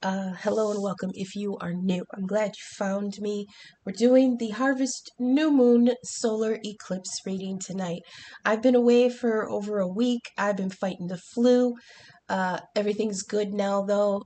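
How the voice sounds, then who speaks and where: A woman with a medium-pitched, warm voice speaks a little slowly and steadily, with a faint hiss or hum in the background. She's a tarot reader, congested from the flu, giving a chatty tarot and astrology reading full of ums and restarts. She swears casually now and then.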